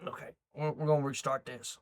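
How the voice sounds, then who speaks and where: A man's voice: mid-range voice, level tone, brisk. A man streaming live, reacting to a video in loose, rambling chat, swearing and talking to his viewers.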